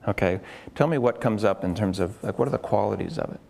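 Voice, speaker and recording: Man, therapist, low voice, gravelly, probing questions, live demo session. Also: a little mellow, slight background noise. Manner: coaching, repeats words, quick probing questions. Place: room with an onlooking group.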